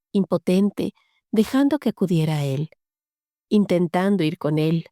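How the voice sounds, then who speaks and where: A woman reading a horror story aloud as an audiobook narrator, steady and measured. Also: on the low side, no echo, studio quality.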